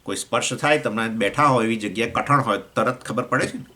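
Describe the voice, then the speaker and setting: A man with a Gujarati accent teaching a scripture class, explaining with questions to his listeners and swinging between raised points and low asides. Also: brisk, pushed and bright. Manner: explains with questions to listeners, acts out voices of elements. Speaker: swami teaching Vedanta.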